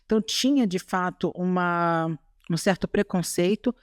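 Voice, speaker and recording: A woman's voice: lowish voice, moderate pace, no room sound, studio quality. A woman from Chile with a Brazilian Portuguese accent, a podcast guest talking earnestly in casual chat. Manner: earnest, tags remarks with "sabe?". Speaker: guest, bodybuilding athlete.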